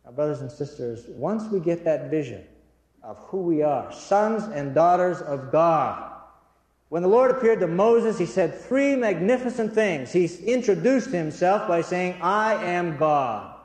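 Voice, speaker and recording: A man's voice: high voice, animated, unhurried, darkish tone. Man telling stories in an echoing hall. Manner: earnest, storytelling, addresses audience directly. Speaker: church speaker. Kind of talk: inspirational church talk with storytelling. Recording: echoey hall with long reverb.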